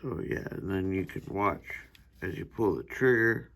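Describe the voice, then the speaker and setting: An American man, a gunsmithing student, giving an unhurried instructional demonstration with frequent hesitations. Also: low-pitched, animated, creaky, fairly bright tone.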